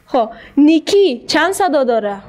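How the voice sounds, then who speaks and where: A woman with a high, light voice and an Afghan Dari accent leads a literacy class. She sounds out words slowly, letter by letter, and gives students frequent praise. She speaks with patience in a classroom. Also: very animated, noisy background. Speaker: literacy teacher. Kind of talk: classroom reading lesson.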